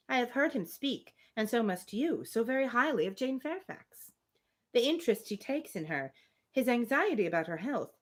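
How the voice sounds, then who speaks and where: A woman with a slightly high voice reads the part of a married woman from a Regency novel who is gently persistent, sounding formal, teasing and persuasive.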